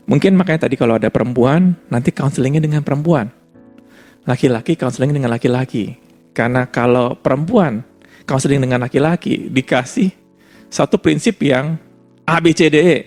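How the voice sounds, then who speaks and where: A man's voice: medium pitch, creaky, darkish tone. A man preaching a casual, chatty sermon, often laughing and acting out little scenes. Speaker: pastor.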